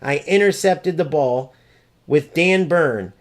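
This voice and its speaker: A man's voice: fairly high pitch, slow pace. A man ranting over gameplay footage, exasperated, profane and mocking as he vents about an opponent. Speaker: gaming streamer.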